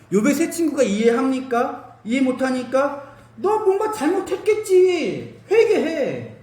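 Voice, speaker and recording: Lively male preacher in an echoey hall. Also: extremely high pitch. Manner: animated, asks the congregation questions, everyday cooking comparisons. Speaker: pastor. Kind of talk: sermon. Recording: roomy hall, mic at a distance.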